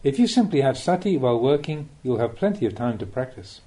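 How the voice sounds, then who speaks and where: This audiobook features a Buddhist monk reading a written spiritual teaching, his delivery measured and punctuated by rhetorical questions. He speaks at a medium pitch in a warm, lilting, sing-song way.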